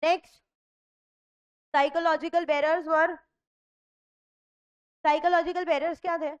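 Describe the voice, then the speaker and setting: An Indian woman giving a classroom revision lecture in a lively way, questioning her students, mixing Hindi and English. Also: very high-pitched, a little slow, muffled recording. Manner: lively, asks the class questions and answers them herself. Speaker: commerce lecturer.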